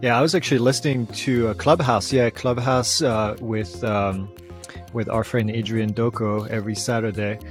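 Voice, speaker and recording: A man co-hosting a podcast, talking in a relaxed, chatty way. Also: fairly low pitch, normal speed, soft background music. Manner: relaxed and chatty, with some stumbles. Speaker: podcast co-host. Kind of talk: casual podcast chat.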